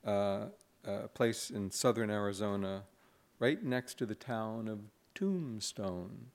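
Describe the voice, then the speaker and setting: Slow-paced man at a poetry reading. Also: fairly low pitch, a little mellow. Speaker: poet reading from own book. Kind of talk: live poetry reading with informal introduction.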